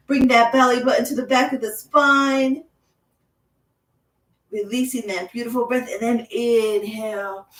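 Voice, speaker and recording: A woman leading a chair yoga class, guiding breath and movement with slow, soothing, repeated cues. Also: mid-range voice, a bit bright. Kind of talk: guided yoga class with visualization. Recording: echoey room, voice from far off.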